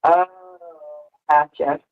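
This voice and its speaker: A woman on a recorded prison phone call, talking in an easygoing way with frequent laughs and fillers. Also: extremely slow. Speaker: friend on the outside. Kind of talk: casual phone chat.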